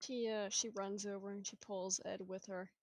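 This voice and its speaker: A woman's voice: mid-range voice, flat delivery, moderate pace, a little mellow, dry recording. A woman playing a tabletop game, casually describing her character's actions. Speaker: player.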